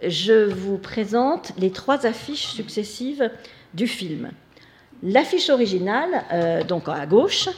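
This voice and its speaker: A woman's voice: on the low side, darkish tone. A woman giving an academic talk, hesitant, with many fillers and restarts. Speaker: lecturer. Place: lecture hall.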